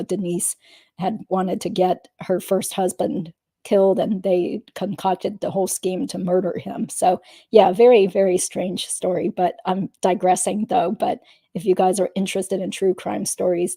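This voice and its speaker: Lady livestream host chatting, gravelly low-key voice, dry close sound. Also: dark tone, dry recording. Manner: rambling, many fillers and restarts. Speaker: YouTube lawyer host reading live chat. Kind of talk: casual live stream chat.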